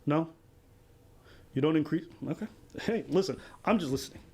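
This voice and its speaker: A man hosting a podcast discussion, quick and playful, addressing his viewers. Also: fairly high pitch, lively intonation, a little mellow, a little hiss or hum. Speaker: podcast host.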